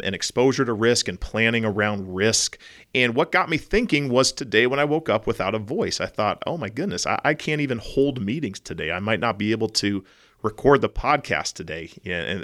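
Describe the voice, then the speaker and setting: A hoarse man with a cold, hosting a podcast in a rambling, self-joking monologue. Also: sharp tone. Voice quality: low husky baritone. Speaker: podcast host.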